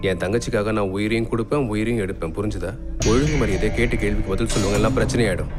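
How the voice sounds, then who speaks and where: Brief: male actor as an intense, low-voiced film hero with music behind. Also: steady tone, rapid-fire, lightly acted. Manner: intense, forceful, threatening. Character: fierce, protective man searching for his sister. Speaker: dubbing actor. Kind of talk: dubbed film acting.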